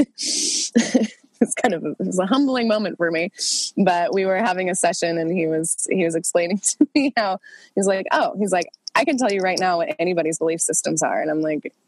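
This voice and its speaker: In casual coaching talk for an online group, a woman speaks at normal speed in a lowish voice, chatty and loose, with many fillers and restarts and a congested, cold-affected sound. There's no echo, though the audio quality is poor.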